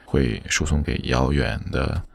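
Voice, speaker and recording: A man's voice: a bass voice, fairly even intonation, measured pace, creaky, no echo, clean studio sound. A man who is a podcast producer, telling a story in a thoughtful, descriptive way and slipping in an English word now and then. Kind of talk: reflective storytelling in conversation.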